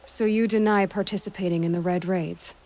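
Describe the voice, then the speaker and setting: A woman's voice: medium pitch, steady tone, fairly quick, a little mellow, close to an everyday voice. An actress playing a determined young woman warrior who speaks directly and skeptically.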